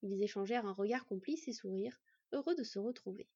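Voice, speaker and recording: Woman reading a story, mellow and husky. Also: medium pitch, fast talker, no echo. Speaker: narrator. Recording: dull, slightly muffled recording.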